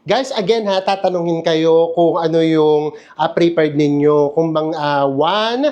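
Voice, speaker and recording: Chatty high-voiced man. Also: unhurried, a little mellow, dull audio. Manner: chatty, laughs often, playful asides. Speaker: travel vlogger. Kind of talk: casual hotel room tour. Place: hotel room.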